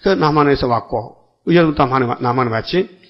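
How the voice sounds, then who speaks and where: A man's voice: medium pitch, a little fast, muffled recording. An older man preaching a dawn worship sermon, folksy and full of rhetorical questions to the congregation. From South Korea. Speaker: pastor.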